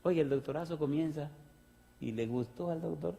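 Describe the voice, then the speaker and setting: A male pastor preaches with emphatic, rising calls to his congregation and a somewhat high voice. He slows down to read scripture deliberately. A long hall reverb trails after his words. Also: gravelly, dark tone, a little hiss or hum. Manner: reads scripture slowly and deliberately. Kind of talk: sermon.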